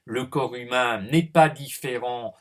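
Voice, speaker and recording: A male philosophy teacher talks at a slow, unhurried pace through a recorded lecture. He hesitates often and thinks aloud, and his pitch sits in an ordinary middle range.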